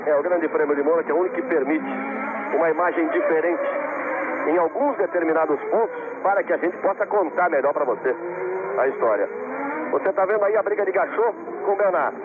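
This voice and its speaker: Male Brazilian race commentator, high-pitched, dramatic live play-by-play with emphatic repeats, narrow tinny broadcast audio. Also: fairly quick. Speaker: motorsport commentator. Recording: tinny radio-like broadcast, engine noise behind.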